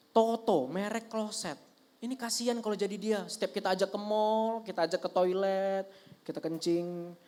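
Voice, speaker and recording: A young man doing a stand-up comedy set in a lively, teasing way, talking straight to the audience on a handheld mic. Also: high voice.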